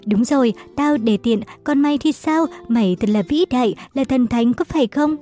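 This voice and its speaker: A woman voicing a furious, jealous young husband who shouts insults and accusations at his wife. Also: high-pitched, moderate pace, soft background music, natural voice.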